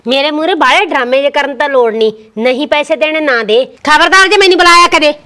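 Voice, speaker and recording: A woman's voice: high voice, quick pace, bright, forceful tone. Woman playing a furious, proud village wife. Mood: angry. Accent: Malwai Punjabi. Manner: curt, scornful, threatening. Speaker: wife in a village family drama. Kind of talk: amateur village drama acting.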